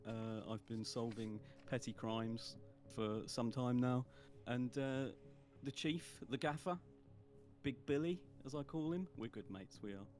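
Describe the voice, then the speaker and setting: Man playing a middle-aged cop character, chummy, rambling, lots of uhs, mid pitch, faint music behind. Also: a little slow, a little mellow, close to an everyday voice. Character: middle-aged male police officer stuck in a rut. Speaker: player.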